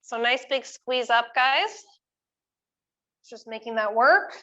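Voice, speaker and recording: A woman's voice: fairly high pitch, lively intonation, slow pace, fairly bright tone, lo-fi sound. A woman coaching a workout as an aerobics instructor, cueing moves and counts in an encouraging, instructional way. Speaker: fitness instructor leading a workout.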